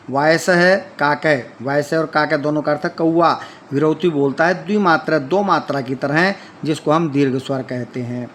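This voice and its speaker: Male Sanskrit teacher, fairly high voice, patient and repetitive, reads a line then explains it, faint hiss behind. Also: a bit bright. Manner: patient, repeats points step by step. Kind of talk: textbook lesson explanation.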